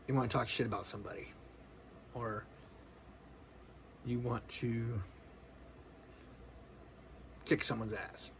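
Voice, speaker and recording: A man in his forties, a spiritual vlogger, gives a loose, earnest spiritual monologue that's casual and full of slang. His voice is medium-pitched with vocal fry, and there's slight background noise.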